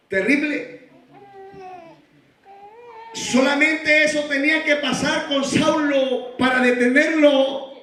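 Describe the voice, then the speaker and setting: High bright-voiced male pastor preaching, rhetorical questions, gets shouty, big echoey church, far from mic. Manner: builds from soft storytelling to shouted exhortation with rhetorical questions. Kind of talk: sermon.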